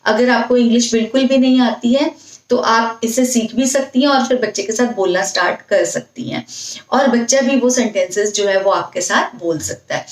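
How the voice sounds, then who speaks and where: Brief: higher-voiced woman, patient lesson host, repeats points, recorded at a distance in an echoey room. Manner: patient, repetitive explaining. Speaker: English teacher. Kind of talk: casual spoken-English lesson. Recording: echoey room, mic set far off.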